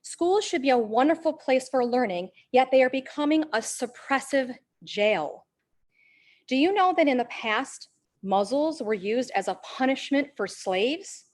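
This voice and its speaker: A woman with a fairly high voice reads a prepared statement at a school board meeting. She speaks as a parent and a teacher, measured in pace, and slows down to lean on the words she wants to stress. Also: expressive. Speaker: parent and teacher at public comment. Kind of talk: prepared public comment statement.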